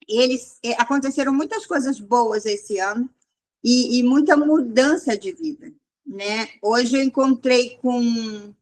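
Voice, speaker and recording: A woman sharing a casual, rambling testimony with a church group, restarting often. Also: sits high. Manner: rambling, restarts often, quotes people in raised voice. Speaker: group leader.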